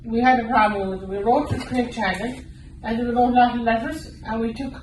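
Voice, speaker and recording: Higher-pitched West of Ireland woman, echoey room. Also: fairly even intonation, fairly quick. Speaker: campaign interviewee. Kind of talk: informal interview answers. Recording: echoey room, distant mic, faint noise.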